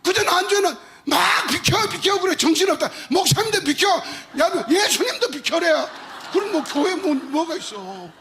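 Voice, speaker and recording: A middle-aged man preaching a lively revival sermon in a church, playful and animated, breaking into shouted emphasis. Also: extremely high pitch, moderate pace, noisy background. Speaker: pastor. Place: church sanctuary.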